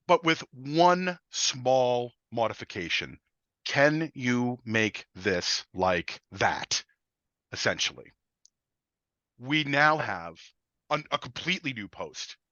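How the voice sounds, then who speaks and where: An enthusiastic man co-hosts a webinar, explaining in a casual way and often restarting phrases. His bright voice swings widely in pitch. The sound is dry and slightly dull, like a lo-fi recording. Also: animated, slow pace, pauses often, no echo. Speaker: webinar co-host.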